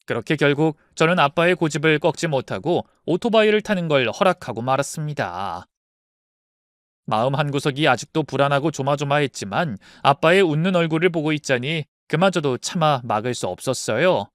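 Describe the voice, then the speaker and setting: A woman calmly narrating her own true family story as a scripted read. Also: low voice, brisk, no echo, clean studio sound.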